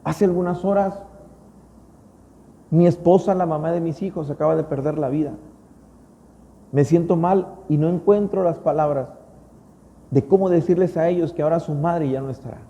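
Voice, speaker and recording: Man playing a grieving father, quiet, low-voiced, apologetic, mellow, echoing hall. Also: moderate pace, lo-fi sound, lightly acted. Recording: long church-hall reverb.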